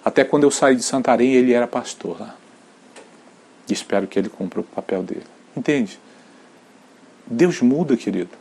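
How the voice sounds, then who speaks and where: A Brazilian man, a pastor, preaching an earnest sermon, sometimes dropping to a near whisper and sometimes rising to loud emphatic peaks. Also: medium pitch, normal speed, gravelly, pauses often, slightly rough.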